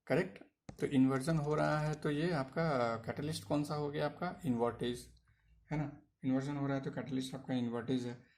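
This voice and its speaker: A man teaching a chemistry lesson in Hindi, mixing in English terms. He keeps asking the class questions, answers them himself, and fills pauses with hesitations. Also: mid-range voice, a little mellow. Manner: asks questions then answers them, frequent "है ना" tags; hesitant fillers. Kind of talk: online chemistry lecture.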